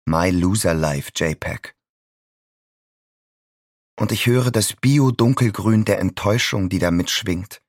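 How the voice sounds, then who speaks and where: A man's voice: low-pitched, slow, pauses often, dry recording, clean studio sound, heavily acted. An actor in his twenties playing a bitter 26-year-old son stuck in his childhood room, in a sardonic, brooding inner monologue. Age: 20s.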